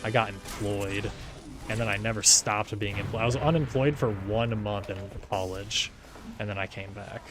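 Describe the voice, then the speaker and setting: A man's voice: on the low side, fairly even intonation, moderate pace, over music. A man in his twenties chatting casually during an online game, rambling with lots of "like"s and restarts and chuckling often. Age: 20s. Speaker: gaming YouTuber. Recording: game gunfire behind the voice. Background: game gunfire and explosions.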